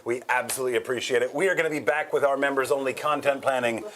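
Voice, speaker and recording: A man's voice: mid-range voice, steady tone, rapid-fire, fairly bright tone. A man hosting a tabletop gaming livestream, upbeat and thanking the viewers. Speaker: host. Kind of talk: livestream sign-off.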